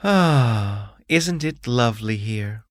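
A man's voice: medium pitch, animated, slow pace, no room sound, clean studio sound, voice pushed up. A man voicing a sweet little ladybird. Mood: delighted. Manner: sweet, admiring. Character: small, delighted female ladybird.

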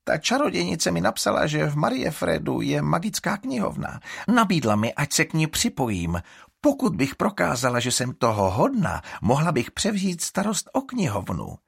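A sly young schemer of a girl, pitched high and bright above the reader's own voice, as a male narrator puts her on. Her speech swoops widely and has a husky, creaky grain. The close, dry recording suits an audiobook. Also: very animated, no echo, exaggerated voice. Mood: explaining. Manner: pleading then scornful.

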